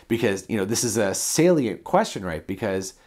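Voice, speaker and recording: A man with a blocked, stuffed-up nose, sick and mouth-breathing, talking through a self-help lesson as a coach in a deliberate, earnest way. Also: on the low side, big pitch swings, darkish tone. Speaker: self-development coach and video presenter.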